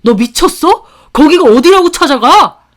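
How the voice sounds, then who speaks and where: A woman voicing a deceitful, obsessive middle-aged husband who snaps and shouts defensively. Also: mid-range voice, normal speed, lightly acted. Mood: angry.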